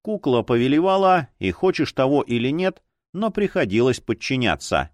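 Man, audiobook narration, expressive, lively pitch, dry close recording. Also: normal speed, no echo.

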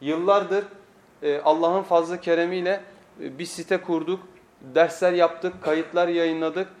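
A man's voice: on the high side, fairly even intonation, measured pace, darkish tone. A man preaching a weekly sermon lesson at a pulpit microphone, emphatic, repeating phrases and putting rhetorical questions to his listeners.

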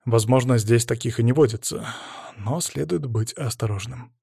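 A man narrating a story in the first person, in an expressive, varied storytelling manner. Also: mid-range voice, normal speed, gravelly, breathy edge, no echo, studio quality.

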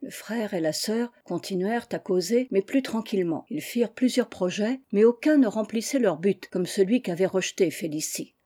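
Woman reading an old kids' novel aloud, calm and mellow, even pace. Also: medium pitch, normal speed, hardly any pauses, husky. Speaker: audiobook reader.

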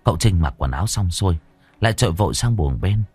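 Lively low-voiced male storyteller. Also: quick pace, breathy edge, no room sound, soft background music. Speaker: audiobook narrator. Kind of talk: dramatic story narration.

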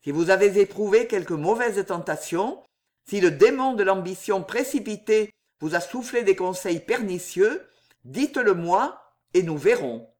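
A cold, commanding older man, as a male reader plays him, heading a secret order and issuing threats with slow, deliberate weight. his voice stays fairly high but controlled. it is read aloud like a storybook. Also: animated, a little mellow. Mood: cold warning. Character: stern older male superior of an order, menacing.

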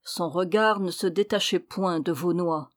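A woman reading a classic adventure novel aloud as an audiobook, measured and clear. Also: on the low side. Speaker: audiobook reader.

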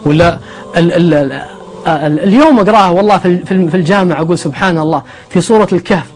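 Fast, high-voiced preacher. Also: male voice. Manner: animated storytelling with rhetorical questions. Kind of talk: sermon-style lecture.

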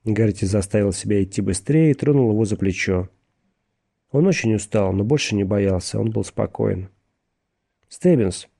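A man reading a thriller audiobook in a measured, steady narration. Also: on the low side, vocal fry, slightly rough.

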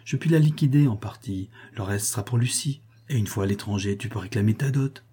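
A man's voice: on the low side, fairly quick, mellow, husky. A man voicing an impulsive, lovesick wealthy husband in an audiobook, urgent and passionate. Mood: eager. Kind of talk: audiobook character reading.

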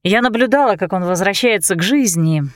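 A woman's voice: medium pitch, lively intonation, brisk, dry recording, studio quality, close to an everyday voice. A woman voicing a young, emotional best friend in an audiobook, speaking in an earnest, pleading way. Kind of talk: audiobook character voice.

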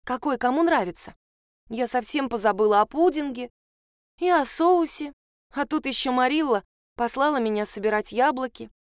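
Lady reading as a chatty dramatic little girl, high and gushing, smooth clear voice. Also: lively intonation, moderate pace, dry recording, clean studio sound. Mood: dreamy, dramatic. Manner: breathless, gushing, theatrical.

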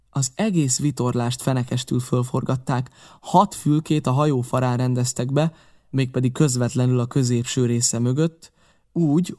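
Man narrating an adventure audiobook. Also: medium pitch. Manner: steady storytelling. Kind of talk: first-person novel narration.

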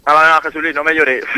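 Phone-in caller: man, heard over the phone, tense bright tone, casual and slangy. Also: on the high side, rough recording. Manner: slangy, chummy. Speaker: radio show caller. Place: sitting in a parked car.

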